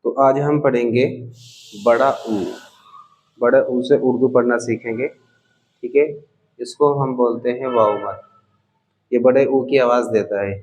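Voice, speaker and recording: A man's voice: medium pitch, steady tone, a little slow, long pauses, a little mellow, poor audio. A man teaching how to read a script in a patient, step-by-step lesson, stretching out vowel sounds to show them and often checking in with his learners. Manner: patient, checks in with "theek hai" after each point. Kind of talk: slow step-by-step language lesson.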